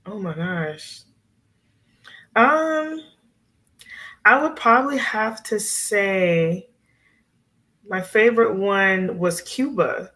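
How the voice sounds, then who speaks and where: A woman in her thirties from Miami, USA, a nurse practitioner, chats casually as a podcast guest and says "like" and "you know" a lot. Her mid-range voice is pushed and bright, with lively intonation, drawn-out words and long pauses.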